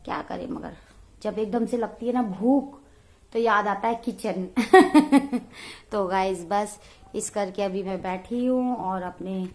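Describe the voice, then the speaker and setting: A young woman chatting casually to her viewers in a home vlog, talkative and quick to laugh. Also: mid-range voice, darkish tone. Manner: chatty, laughs often, addresses viewers as guys. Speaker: vlogger. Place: home, indoors.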